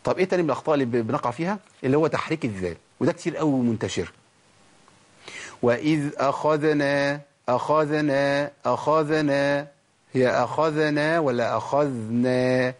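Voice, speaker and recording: With a mid-range voice and an Egyptian Arabic accent, this Quran recitation teacher runs a tajweed class. He asks his own questions, supplies the answers, and draws letters out slowly as examples.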